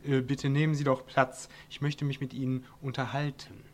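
A man's voice: mid-range voice, level tone, normal speed, a little mellow, natural voice. A man voicing a timid, polite man in a bathrobe who hesitates and stumbles over ums. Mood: nervous polite. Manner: hesitant, full of ums and uhs.

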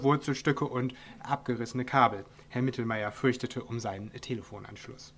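A man's voice: mid-range voice, a bit bright, slight background noise. A man reading a humorous story aloud in a dry, wry narrating manner.

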